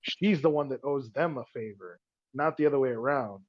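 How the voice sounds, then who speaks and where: A man's voice: medium pitch, moderate pace, dry recording. A man at a tabletop game, laying out his plan in a rambling, persuasive way with lots of restarts. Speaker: tabletop player. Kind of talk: casual in-character planning talk. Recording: dull muffled dry mic sound.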